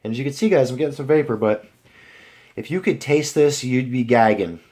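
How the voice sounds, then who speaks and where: A man's voice: medium pitch, fairly quick, a little mellow. A young man rambling casually to his viewers, full of fillers and restarts. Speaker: vlogger. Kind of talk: rambling casual vlog chat.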